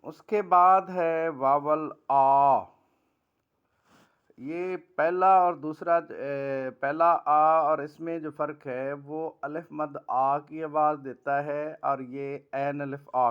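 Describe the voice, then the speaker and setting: A man with a Pakistani accent teaching shorthand, explaining vowel sounds step by step and slowly dictating practice sentences word by word. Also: on the high side, clean tone, muffled recording. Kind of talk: classroom lecture.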